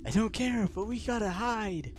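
A man's voice: sits high, moderate pace. A man teasing his friends and laughing easily as they play a game together. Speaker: game player. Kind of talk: casual gameplay banter. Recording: noisy home recording.

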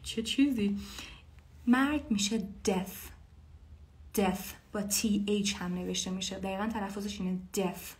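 Persian-accented woman teaching english, spells out phrases slow, mid-pitched voice. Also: fairly even intonation. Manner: explains in Persian, repeats English lines slowly. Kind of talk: teaching English through song lyrics.

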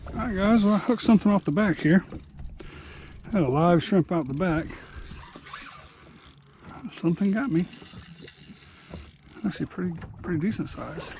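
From a small open boat offshore, a fishing vlogger in his forties talks easygoingly to his audience and to the fish he lets go. He has a high-pitched voice, a moderate pace, and frequent pauses. His action camera captures wind and water noise.

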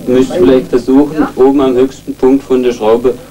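Distant ski coach giving pointers. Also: male voice, mid-range voice, flat delivery, normal speed, dark tone. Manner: friendly, instructive. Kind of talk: coaching feedback. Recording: distant mic.

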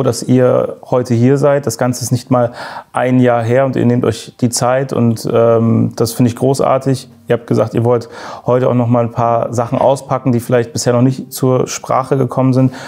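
A young man hosts an interview and asks his questions in an earnest, searching way. His voice sits in a middle pitch, and he often pauses with fillers while he works out his words. He speaks indoors in a youth centre lounge. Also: mellow. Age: young adult. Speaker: YouTube interviewer. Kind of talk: hosting an interview.

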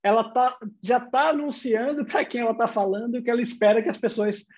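A man's voice: very high-pitched, steady tone, fairly quick, darkish tone, highs cut off. A man with a Brazilian Portuguese accent giving an online university lecture, explaining step by step and posing rhetorical questions.

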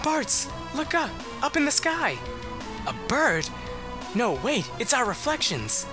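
A man voicing excitable, anxious young adventurers from a video game. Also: very high-pitched, slow pace, over music, pitched above the performer's own voice, exaggerated voice. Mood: anxious wonder.

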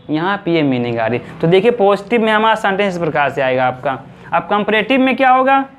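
A man teaching English grammar, asking questions and answering them himself, stretching out example words slowly. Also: high voice, a bit bright, clear, resonant tone. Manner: repeats points slowly, drawing out example words. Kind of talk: classroom-style grammar lesson.

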